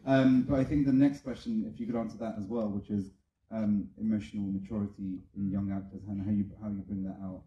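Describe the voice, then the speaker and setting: A low-voiced man hosts a post-screening Q&A, his tone very dark and mellow. He keeps things upbeat with quick jokes. The sound is echoey, as in a large room. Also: fairly even intonation, muffled recording, slight background noise. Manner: upbeat, joking asides. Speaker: panel moderator. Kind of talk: hosting an audience Q&A. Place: screening venue.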